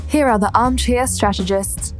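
A woman's voice: on the high side, normal speed. Upbeat woman announcer over music. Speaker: show announcer. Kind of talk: scripted intro.

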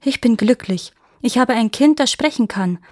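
A woman's voice: fairly high pitch, lively intonation, normal speed, darkish tone, no room sound, studio quality. Woman voicing a pleading peasant mother. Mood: grateful. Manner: earnest, pleading. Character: childless peasant woman, longing and grateful.

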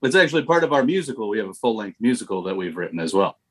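A man's voice: fairly low pitch, big pitch swings, rapid-fire, a bit bright. Matter-of-fact band guest man. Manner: dry, matter-of-fact straight answers. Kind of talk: comic interview answers.

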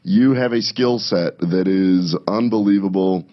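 A podcast co-host with a low-pitched, unhurried voice chats casually, telling stories as an animated storyteller who acts out quotes with energy. The sound is dull and lo-fi.

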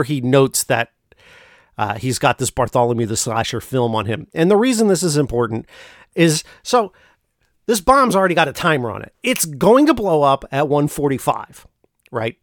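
A man giving a casual, rambling recap as a show host, often pausing mid-phrase as he goes. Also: mid-range voice, no room sound, clean studio sound. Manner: halting, rambling delivery with pauses mid-phrase. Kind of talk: casual film plot recap.

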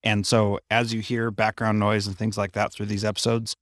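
A man's voice: fairly low pitch, little pitch movement, moderate pace, no room sound, studio quality. A man co-hosting a podcast, chatting casually in an introduction recorded in a hallway. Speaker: podcast co-host. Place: hallway at a conference.

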